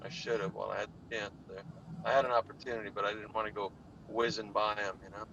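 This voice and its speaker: A man's voice: on the low side, level tone, fast, creaky, lo-fi sound, noisy background. A man in a car chatting casually over a video conference call, laid-back and drawling, often calling his listener "man". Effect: heard over a video conference call. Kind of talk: casual chat on a call while driving. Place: in a car on the road.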